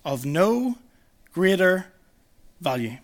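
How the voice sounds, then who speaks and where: A man preaching a sermon, emphatic and repeating his key phrases, shifting between hushed and forceful delivery. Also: high-pitched, very animated, takes it slowly.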